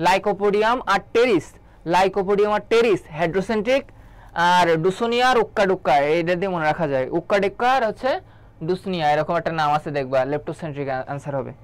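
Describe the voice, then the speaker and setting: Quick-talking man drilling exam answers. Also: high-pitched, dry recording. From Bangladesh. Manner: repeats key terms, quizzes students with questions. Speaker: biology teacher. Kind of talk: online exam-prep class.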